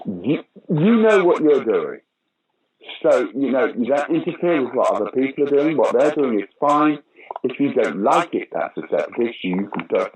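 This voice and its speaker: In a casual interview recorded at low quality, a British actor and director in his sixties with a mid-range voice discusses his acting career. He tells animated stories, frequently restarting and putting on the voices of people he quotes.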